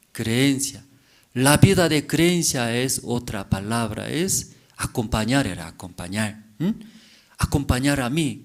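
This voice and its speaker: A medium-pitched man gives a sermon, habitually addressing rhetorical questions to the congregation. He checks in with them often using a brief "mm?".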